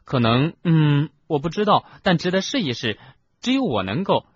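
Raised-voice smart schoolgirl played by a man, brisk and decided, lo-fi radio play. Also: a little high, big pitch swings, slightly rough, no echo, pitched above the performer's own voice. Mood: determined. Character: clever determined teenage schoolgirl. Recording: dull lo-fi radio recording.

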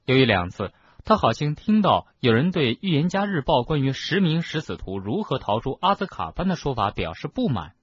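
A man with a husky voice reading a novel aloud as a radio storyteller, steady and expressive. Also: mid-range voice, a little fast, no echo. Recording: dull lo-fi radio recording.

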